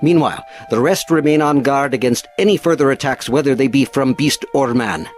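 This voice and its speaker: A man plays a ship's captain in an audio drama, firm and tired of it all. His mid-pitched voice is formal and used to command, with faint music behind. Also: a little fast, close to an everyday voice. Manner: formal, authoritative.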